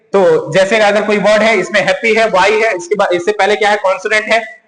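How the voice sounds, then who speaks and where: A male teacher giving a grammar lesson, asking questions and answering them himself, and repeating key words slowly. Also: sits high, fairly bright tone. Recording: echoey room with long reverb.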